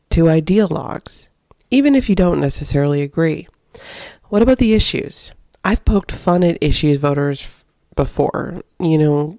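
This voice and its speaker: Woman with a mellow voice, opinionated podcaster. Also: low-pitched, gravelly, dry recording, studio quality. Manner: opinionated, emphatic, argumentative. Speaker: podcast host. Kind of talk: solo opinion podcast monologue.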